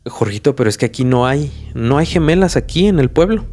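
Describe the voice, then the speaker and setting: A man's voice: mid-range voice, animated, a little fast, darkish tone, lightly acted. A man voicing an anxious village mother pleading as she searches for her lost son.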